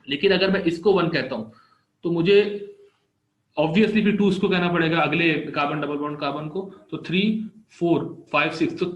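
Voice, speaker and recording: A man's voice: a little high, fairly bright tone. A man giving a recorded chemistry lecture, explaining patiently step by step through on-screen examples. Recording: roomy, slightly dull lo-fi recording.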